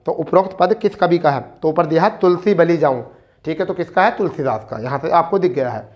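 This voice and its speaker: Male exam-prep tutor, a touch high-pitched, coaxing and repetitive, hurrying students toward the answer. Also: darkish tone. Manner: coaxing, repeats "ठीक है" often; recites verse slowly and deliberately. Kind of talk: explaining a practice test.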